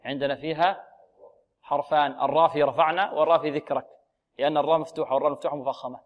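A man's voice: fairly high pitch, fairly even intonation, rapid-fire, dull audio. Arabic-speaking man teaching Quran recitation. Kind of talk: tajweed lesson on radio.

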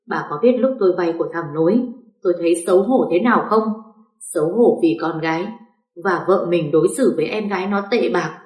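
A woman's voice: fairly low pitch, fairly quick, a little mellow, lightly acted. A stern old father-in-law, as a woman narrator puts him on, scolding and reproachful in a raised voice. The sound rings in an echoey room.

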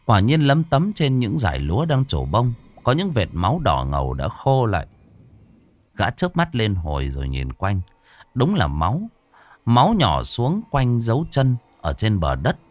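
A man's voice: medium pitch, huge pitch swings, moderate pace. A man narrating a ghost story with dramatic, varied storytelling delivery.

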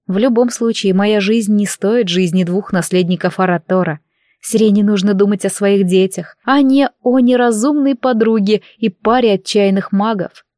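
A woman narrating a first-person fantasy audiobook in an expressive storytelling manner. Her voice sits at a middle pitch, and the recording is dry and close. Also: no echo.

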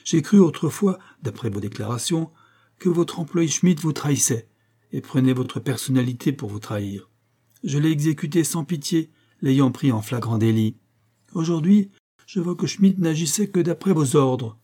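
A man's voice: fairly high pitch, expressive, normal speed, warm tone, breathy edge, voice pushed up. A man voicing a mocking, cold-blooded master criminal in an audiobook, speaking in a raised, sneering voice. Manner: sneering, icy.

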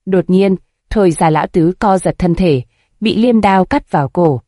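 A woman reading a scripted story in a steady, even narrating voice. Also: on the low side, normal speed, no echo, studio quality.

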